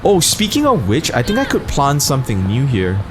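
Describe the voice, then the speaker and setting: Male gaming host, slangy and sweary, animated casual commentary, noisy game backdrop. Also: mid-range voice, moderate pace. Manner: profane, slangy. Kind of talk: casual let's play commentary. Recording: noisy game sound behind.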